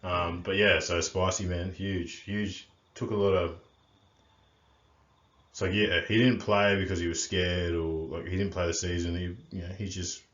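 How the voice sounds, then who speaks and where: A man co-hosting a casual rugby chat, relaxed and rambling with many fillers. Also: sits low, measured pace. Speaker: rugby coach and podcast co-host. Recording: echoey room, dull lo-fi sound.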